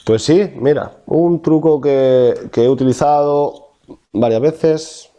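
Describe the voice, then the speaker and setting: A thoughtful vocal coach in his thirties from Castilla-La Mancha, Spain, explains diction exercises in an interview, with many fillers and restarts. He has a Castilian Spanish accent and a slow, dark-toned voice on the high side.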